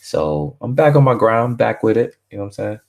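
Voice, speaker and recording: A man from Barbados rambling casually on a live stream, laid-back and slangy, full of filler phrases and shout-outs. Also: medium pitch, fairly quick, creaky.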